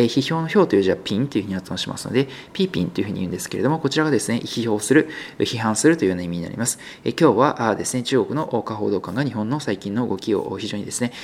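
A man's voice: lowish voice, gravelly, darkish tone, a little hiss or hum. A male business news host talking through market figures in a conversational, unscripted way, with many filler sounds and hesitations. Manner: conversational, polite sign-off.

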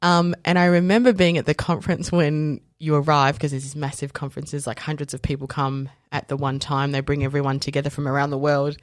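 Speaking briskly with few pauses, this woman has a low voice recorded dry in studio quality. She's a podcast guest from South Africa, raised in Australia, whose casual, animated storytelling includes acting out other people's lines, plus plenty of fillers and self-corrections.

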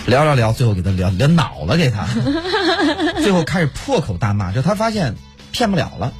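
A man's voice: mid-range voice, normal speed, husky, soft background music. A man from Pingdingshan telling stories in casual chat, acting out phone calls and laughing often. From Pingdingshan, Henan. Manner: animated storyteller, acts out phone calls with laughs. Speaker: co-host.

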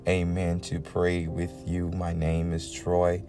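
A Bahamian preacher leads a morning prayer, earnestly praying and exhorting in devotional talk and extemporaneous prayer, often punctuating his words with "amen" and repeated invocations. His low-pitched voice is monotone and slow, with music in the background.

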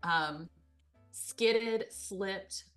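A woman in her thirties, a guest co-host on a casual podcast, telling a story in an animated way and acting out what people said. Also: medium pitch, extremely slow, over music. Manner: animated storyteller, acts out quotes.

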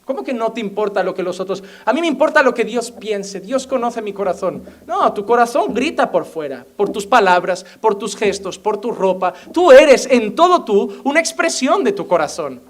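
A man's voice: high-pitched, big pitch swings, normal speed, few pauses. A young man preaching a fervent sermon as a pastor, often mimicking the voices of imagined people. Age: young adult.

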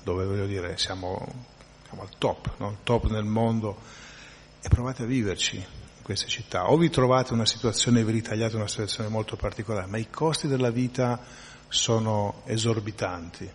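A man's voice: fairly low pitch, moderate pace, big-room sound, a little hiss or hum. A man teaching a spiritual class in a conversational lecturing way, often checking in with his listeners and restarting his phrases. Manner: conversational, frequent tag questions and restarts.

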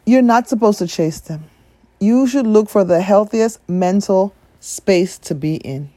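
A woman's voice: medium pitch, expressive, measured pace, mellow, no room sound. A woman from Nigeria giving a blunt, emphatic opinion monologue with free swearing.

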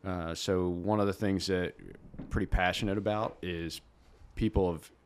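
Deep-voiced, relaxed male farmer guest. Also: normal speed, slight background noise. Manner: relaxed, earnest, explains at an even pace. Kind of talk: casual interview.

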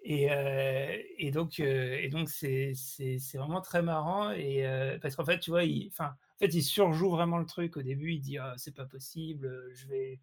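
A man's voice: a little high, steady tone, normal speed, few pauses. A man co-hosting a casual podcast chat, talking with many fillers and laughing often. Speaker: podcast co-host.

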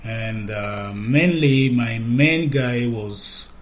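Man, forties, Ivorian accent, unhurried delivery, personal testimony as a caller, faint noise behind. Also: mid-range voice. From Abidjan, Côte d'Ivoire. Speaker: caller leaving a voicemail.

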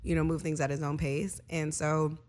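A woman's voice: sits low, level tone, moderate pace, darkish tone. A woman guest on a podcast, telling a candid personal story in casual chat, full of "like" and the odd curse word. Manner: candid storytelling, lots of filler "like", casual profanity.

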